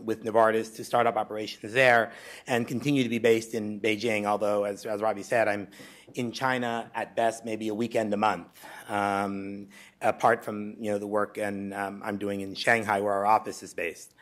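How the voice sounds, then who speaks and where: A man's voice: fairly low pitch, flat delivery, normal speed, fairly bright tone. Greek man giving a conference talk. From Greece. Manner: conversational, many ums and restarts. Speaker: conference speaker. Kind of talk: conference presentation. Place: lecture hall at a symposium.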